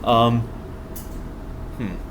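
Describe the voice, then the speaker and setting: A man's voice: mid-range voice, fairly even intonation, drawn-out words, noisy background. A young American man chatting casually in a vlog, rambling in a meandering, giggly way and often trailing off mid-thought. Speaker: vlogger.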